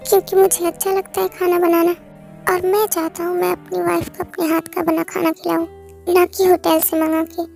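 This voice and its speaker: A high-voiced performer playing a gentle, caring young man who talks softly and reassuringly in a fan-dubbed romance drama. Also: flat delivery, moderate pace, gravelly, faint music behind. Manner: soft reassuring talk.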